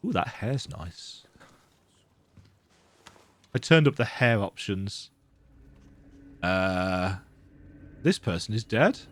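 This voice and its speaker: A fairly low, animated male voice speaks extremely slowly and pauses often, with a little hiss or hum in the background. This gaming host, slightly sick with a cold, offers chatty, self-deprecating let's-play commentary on a horror game from a dark room at home with the lights off.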